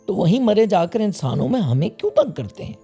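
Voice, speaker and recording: Man doing a high fussy bird wife. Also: big pitch swings, vocal fry, dark tone, breathy edge, faint music behind, full character voice. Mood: sulky. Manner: complaining, sulky. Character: fussy female songbird, nagging wife.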